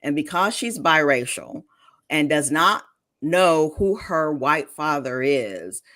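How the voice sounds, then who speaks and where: Low-pitched woman author, reflective and deliberate, close dry recording. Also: animated, a bit bright, no echo. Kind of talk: podcast interview and book reading.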